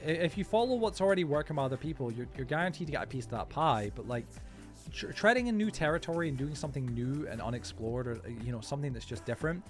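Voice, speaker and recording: A man's voice: fairly high pitch, lively intonation, fast, faint music behind. A man chatting casually on a gaming livestream in a rambling, nonstop stream of informal, slangy talk to his viewers. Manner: informal, slangy, often addressing viewers as bro, man, dude.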